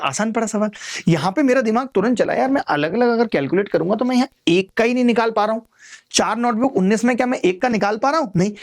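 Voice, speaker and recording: A man teaching an exam maths lesson in a lively, chatty way, putting questions to his students. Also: high-pitched.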